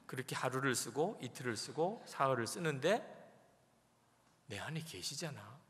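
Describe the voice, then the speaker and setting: A man's voice: mid-range voice, lively intonation, normal speed, fairly bright tone. A male pastor preaching a sermon at a revival service, telling a story and acting out the voices in it. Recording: long reverb of a church hall.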